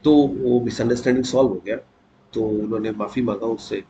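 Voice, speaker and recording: A man's voice: medium pitch, fairly even intonation, brisk. Man telling a devotional story, lo-fi. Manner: conversational, mixes English words into Hindi; clears throat often. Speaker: devotional speaker. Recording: dull lo-fi with faint noise.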